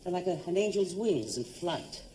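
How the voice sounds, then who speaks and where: An actor playing a lovestruck, dopey big lug of a bank robber, loud and gushing, in TV sketch comedy. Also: male voice, high voice, animated, moderate pace. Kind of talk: broadcast sketch comedy acting. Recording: noisy old TV studio sound.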